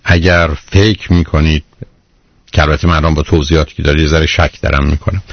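A man hosting a radio advice show, answering a caller in a calm, direct, reasoning way. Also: a bass voice, no room sound, dull audio.

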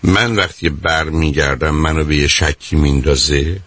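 A man's voice: extremely low pitch, fairly even intonation, fairly bright tone, dry recording. A man hosting a radio call-in as a psychologist, interrupting insistently and repeating "my dear" and "wait".

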